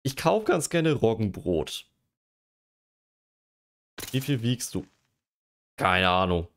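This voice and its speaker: A young man streams a game in a lowish voice, very animated yet slow-paced. He chats casually and jokes while reading quiz questions aloud and pondering his answers.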